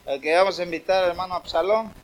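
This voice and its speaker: High-voiced fervent man preaching. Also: steady tone, quick pace. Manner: fervent, shouting praises and acting out a story. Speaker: preacher leading worship. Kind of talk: lively evangelical preaching.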